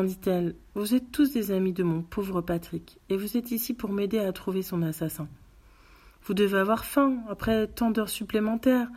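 A woman voicing a soft-spoken widow who pleads sweetly and quietly schemes. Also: medium pitch, close to an everyday voice.

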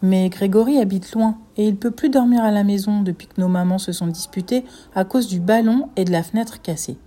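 Femme lisant un récit, voix chaude. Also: female voice, mid-range voice, a little fast, dark tone. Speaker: reader. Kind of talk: storytelling narration in a child's first person.

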